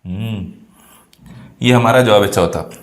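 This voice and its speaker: A man's voice: on the low side, unhurried. A male teacher who explains vocabulary exam answers step by step and keeps checking that his students follow. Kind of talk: exam prep lesson. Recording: echoey room sound.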